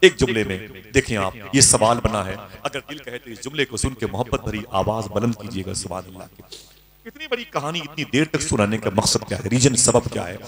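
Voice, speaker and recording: A man's voice: fairly low pitch, fairly quick, crowd noise. A male Islamic preacher telling an emotional story as a sermon, in an impassioned, rhythmic declamation with pious exclamations.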